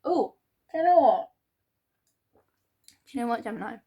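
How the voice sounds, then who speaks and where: A woman giving a casual, rambling tarot reading to a star sign, with many fillers and restarts and now and then clearing her throat. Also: a little high, very animated, moderate pace, dark tone. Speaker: tarot reader.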